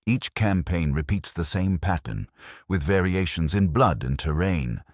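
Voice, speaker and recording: A man giving grave, measured scripted narration for a history documentary. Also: deep voice, expressive, no echo, clean studio sound.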